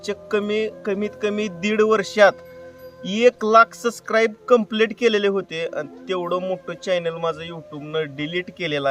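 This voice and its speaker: A YouTube creator and prank caller makes an earnest, plain-spoken personal appeal to his viewers, repeating himself for emphasis. His voice is high-pitched and fairly bright, and he sounds far from the microphone.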